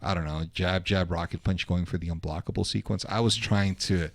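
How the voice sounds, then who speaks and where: A man's voice: sits low, fairly even intonation, brisk, creaky, no room sound, studio quality. A man hosting a podcast, chatting casually and loosely with lots of slang and filler words. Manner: laid-back, slangy, with lots of "like", "dude" and "bro". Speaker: podcast host. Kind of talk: casual interview chat. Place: podcast studio.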